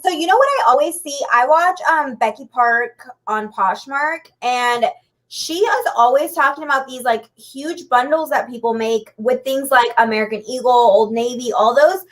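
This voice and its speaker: A woman's voice: high-pitched, moderate pace, fairly bright tone. A woman co-hosting a casual podcast chat, talking in a chatty way full of "like" fillers. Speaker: podcast co-host.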